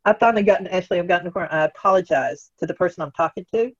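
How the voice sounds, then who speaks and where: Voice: medium pitch, rapid-fire, breathy edge, no echo. A guest expert explaining ideas in an earnest, conversational way, often asking questions aloud and checking in with "right?". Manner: earnest, talks in questions and acted-out quotes, tags "right?". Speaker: guest expert on organizational change. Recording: dull, dry lo-fi recording.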